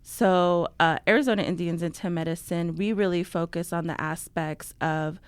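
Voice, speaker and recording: A young woman from New Mexico talks as a radio interview guest, her voice smooth and slightly low. She fills her sentences with ums and laughs easily. The studio sound is dry and close. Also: steady tone, normal speed, dry recording. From Navajo, New Mexico. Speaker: guest, outreach coordinator. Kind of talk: casual interview talk.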